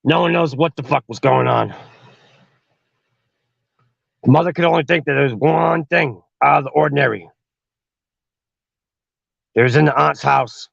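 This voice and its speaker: Gravelly, profane male podcast storyteller. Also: fairly high pitch, moderate pace, long pauses, a bit bright, dry recording, highs cut off. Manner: profane, slangy. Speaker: podcast host. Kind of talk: crude horror storytelling.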